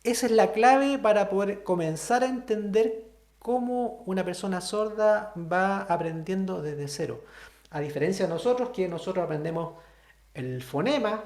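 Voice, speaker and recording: Sign language teacher on a video call, patient and explanatory, mid-pitched voice with a roomy echo. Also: darkish tone. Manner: patient, explanatory, often checks in with "¿cierto?". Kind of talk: online class explanation.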